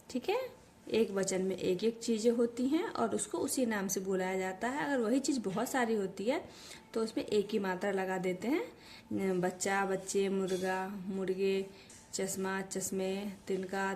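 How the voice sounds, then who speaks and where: A woman's voice: mid-range voice, darkish tone, a little hiss or hum. A young woman teaching a grammar lesson to children, explaining patiently and asking the class questions in a sing-song way.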